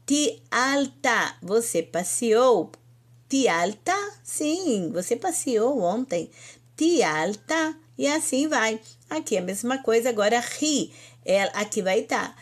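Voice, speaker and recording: Brazilian woman teacher, unhurried, patient, stretches out each example word for students. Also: on the high side, lively intonation. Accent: Brazilian Portuguese. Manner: slow, patient explaining, drawn-out example words, frequent "então". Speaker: Hebrew teacher. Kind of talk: online language lesson.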